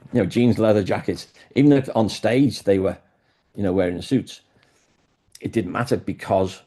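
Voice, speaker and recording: A man speaking as an interview guest, with a lower voice and a mellow, relaxed tone. He tells his stories with enthusiasm and keeps the talk easy. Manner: enthusiastic storyteller. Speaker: guest, music historian. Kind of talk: conversational interview.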